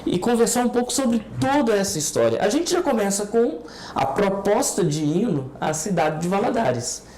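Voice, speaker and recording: A woman's voice: mid-range voice, very animated, moderate pace, dark tone, echoey room, poor audio. A Brazilian woman interviewing someone in a conversational style.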